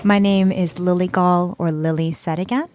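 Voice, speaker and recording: A woman's voice: on the low side, fairly even intonation, moderate pace, a little mellow, soft background music. A woman in her twenties from San Diego telling her own story as a podcast guest, chatty and full of fillers. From San Diego, California. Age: 20s. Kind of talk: personal storytelling interview.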